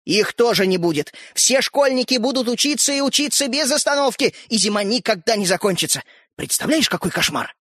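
A man's voice: very high voice, lively intonation, fairly bright tone, no room sound, studio quality, exaggerated voice. A man voicing a touchy, boastful tiny fairy-tale hero who lectures and takes offence easily, in a storybook reading. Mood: urgent. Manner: huffy, lecturing, quick to take offence.

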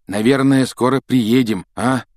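Man voicing an excitable teen wizard boy. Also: medium pitch, a little slow, no room sound, studio quality, voice pushed up, close to an everyday voice. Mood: hopeful. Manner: pleading, excitable shouts.

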